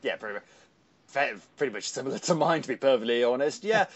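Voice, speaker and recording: A man's voice: mid-range voice, lively intonation, lo-fi sound. A man hosting a podcast, theatrical and jokey in casual chat. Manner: theatrical, rapid-fire jokey. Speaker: podcast host.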